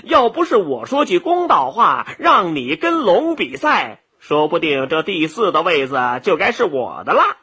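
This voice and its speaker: A meddling, self-important male dog from a storybook, played by a man. He chatters in a lively, bright voice with a husky edge. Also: sits high, measured pace, hardly any pauses, exaggerated voice. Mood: smug.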